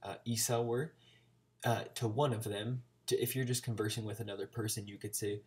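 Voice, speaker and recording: A man's voice: fairly low pitch, fairly even intonation, a little fast, darkish tone. An American man talking casually in a vlog, chattily sounding out Arabic words as a learner. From United States. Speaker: language-learning vlogger.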